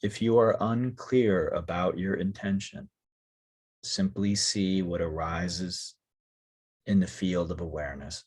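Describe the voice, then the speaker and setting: Speaking in a low-pitched voice, a male teacher guides listeners through yoga nidra. The delivery is soft and calm, broken into short phrases with long gaps.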